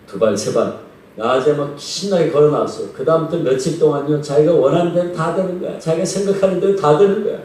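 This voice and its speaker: A male pastor preaching to his congregation and telling stories in a relaxed, conversational way, often turning to them with questions. His mellow, somewhat high voice rings around a big church sanctuary, picked up by a mic some distance away. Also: fast, very echoey. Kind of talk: revival sermon with storytelling.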